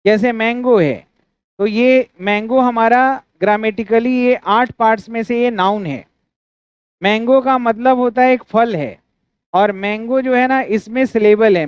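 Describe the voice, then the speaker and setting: A man's voice: extremely high pitch, a little slow, smooth, no echo. A man with an Indian accent teaching an English grammar class, often asking students to confirm they follow and breaking words into syllables. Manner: asks students frequent checking questions. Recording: dry, dull lo-fi sound.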